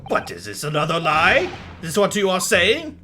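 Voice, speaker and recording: An emphatic video game foreigner acted out by a streamer, talking in stilted, broken phrasebook English. The pitch swings widely, and music plays behind. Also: huge pitch swings, normal speed, bright, forceful tone. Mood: indignant.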